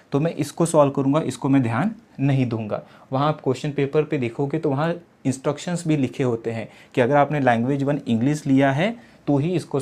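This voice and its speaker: Speaking in a slightly mellow, medium-pitched voice, this young coaching teacher breaks down exam material one step at a time. Repeated rhetorical questions punctuate his Hindi, which is sprinkled with English words.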